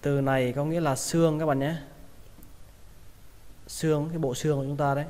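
A man teaching English pronunciation, repeating each word slowly in drills. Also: a little high, fairly even intonation, a little mellow. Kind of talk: pronunciation lesson. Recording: long hall reverb.

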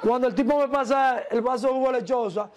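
A man's voice: very high-pitched, brisk. A man, an interview guest telling a long story and acting out the voices of the people in it. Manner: animated storyteller, acts out quoted voices.

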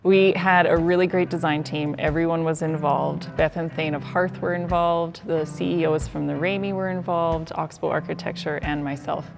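A woman who designed the space walks through its details in a clear, descriptive way. Her voice is low-pitched, with guitar music playing behind it. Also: steady tone, normal speed, hardly any pauses. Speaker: interior designer. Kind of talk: documentary interview.

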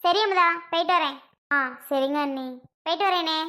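A woman's voice: extremely high pitch, normal speed, sharp tone. A woman voicing an impatient sister-in-law in a cartoon, curt and dismissive. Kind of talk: cartoon voice acting.

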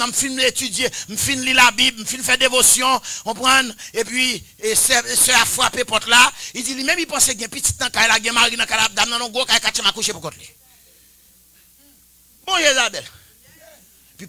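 A man in his forties preaching a sermon, chanting and shouting at the peaks and dropping to quiet, confiding talk between them. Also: extremely high pitch, no echo. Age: 40s. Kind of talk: Pentecostal-style sermon.

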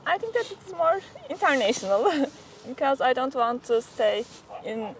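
Young Turkish woman, student, hesitant, a bit high-pitched, outdoor path. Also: very animated, normal speed. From Turkey. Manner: hesitant, laughs between phrases.

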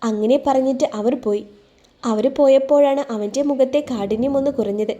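A woman reads a scripted story aloud as its narrator, steady and expressive. Her voice is fairly high with a dark, mellow tone. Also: moderate pace, lo-fi sound.

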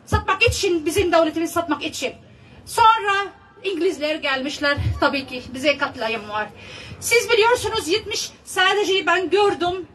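A woman in her fifties with an Arabic accent, giving a public speech in halting, broken non-native Turkish. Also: extremely high pitch, a little hiss or hum. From Palestinian, raised in Lebanon. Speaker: guest speaker at a rally. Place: outdoor square, stage with PA. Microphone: podium mic, filmed by far camera. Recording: distant mic, outdoor loudspeaker sound.

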